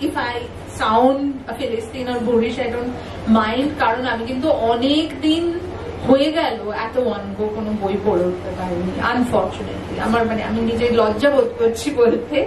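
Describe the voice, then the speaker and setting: Woman panelist, candid and reflective, slightly high voice, picked up from a distance in a noisy, echoey room. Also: moderate pace. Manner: thoughtful, candid, self-deprecating. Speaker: book launch panelist. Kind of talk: reflective remarks mixing Bengali and English.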